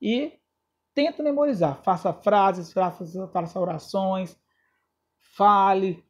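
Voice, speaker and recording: A man's voice: sits high, slow pace. A man with a Brazilian Portuguese accent, teaching a recorded English grammar lesson and often checking in with his students. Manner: checks in with students often, spells out endings letter by letter.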